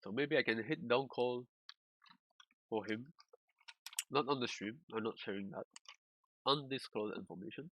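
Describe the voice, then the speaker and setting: A man's voice: medium pitch, no room sound, muffled recording. Man, casual stream walkthrough, stop-start phrasing, no room sound. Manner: halting, repeats words, loose non-standard English phrasing. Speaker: streamer explaining game data analysis.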